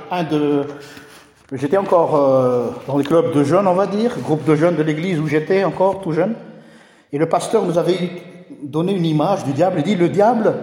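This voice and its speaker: High-voiced man preaching in an echoing hall. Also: dark tone. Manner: teaching, rhetorical, addresses the congregation. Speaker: pastor. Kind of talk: sermon. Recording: echoey hall with long reverb.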